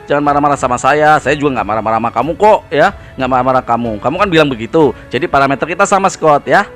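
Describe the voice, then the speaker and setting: A man's voice: a little high, racing, a bit bright. Mocking male commentator, faint music behind. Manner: mocking, combative. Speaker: channel host. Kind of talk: heated polemical reaction commentary.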